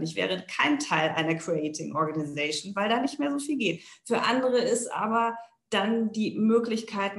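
A woman's voice: mid-range voice, creaky, reverberant. A woman architect giving a conference keynote over a video call, talking in a thoughtful, loosely structured way with frequent "ähm" and checking "ja?".

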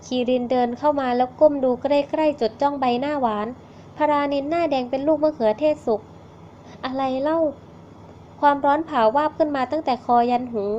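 A woman narrating a romance novel aloud in a steady reading voice, on a slightly muffled recording. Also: high-pitched, slight background noise. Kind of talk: storybook narration.

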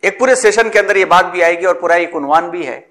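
A man with a slightly high voice delivers a formal history lecture. His phrasing is elaborate and measured, and he often breaks off a word to restart it. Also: fairly bright tone.

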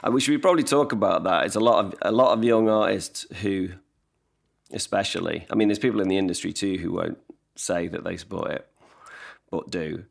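Fairly quick and very low and gravelly, the voice belongs to an Englishman in his forties, a songwriter guesting on a casual podcast. He's at home in the living room on a video call with a stand-mounted desk mic, rambling loosely, running himself down, and starting over many times.

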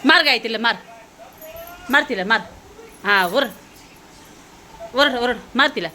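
A young woman from Maharashtra films a casual family vlog at home on a phone. Her voice sits high and sounds bright and forceful. She is animated and fires off repeated words in quick calls. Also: slight background noise. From Maharashtra, India. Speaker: vlogger and mother.

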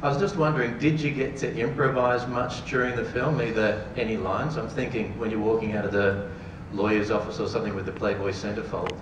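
A man's voice: on the low side, steady tone, a little fast, few pauses. A man in a theatre audience politely asking the guest a question. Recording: distant, roomy, noisy audience recording.

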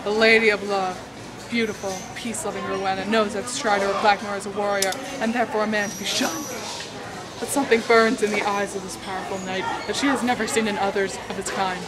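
Amid the loud murmur of a crowded store or library, a twentysomething vlogger stands among the book aisles delivering a dramatic, tongue-in-cheek reading of a romance novel. She speaks fairly quickly at medium pitch with fairly even intonation, breaking off for amused, mocking comments.

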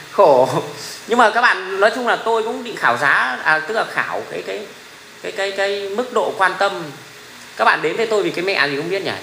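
A man's voice: high-pitched, animated, brisk, creaky, pushed and bright. A middle-aged man, talking in a casual, rambling livestream, blunt and profane, laughing often. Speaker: livestream host. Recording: echoey room with faint ambient noise.

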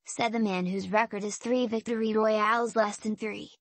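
A woman's voice: mid-range voice, fairly even intonation, moderate pace, dry recording, faint music behind, natural voice. A woman voicing cheeky livestream fans, reading their donation messages aloud.

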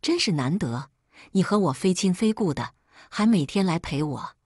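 Brief: female narrator doing a gentle older mother, breathy and low-pitched, story reading. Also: animated, normal speed, no echo, clean studio sound. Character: older wealthy mother, kind and protective.

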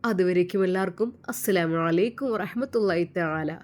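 A woman's voice: fairly low pitch, a little fast, darkish tone. Emotive woman storyteller. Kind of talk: dramatic story narration.

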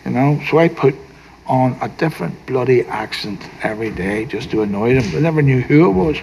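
A gentle Northern Irish grandfather. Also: mid-range voice, animated, fairly quick, gravelly, slight background noise, poor audio. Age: older. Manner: soft-spoken, wry, tender. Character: gentle wise teasing old grandfather. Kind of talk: film drama acting.

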